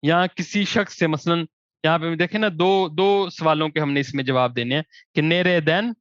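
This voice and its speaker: A man teaching grammar as a language teacher, giving examples in slow, drawn-out words between quicker explanation. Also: on the high side, a bit bright, smooth, dry recording. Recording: dry, dull lo-fi recording.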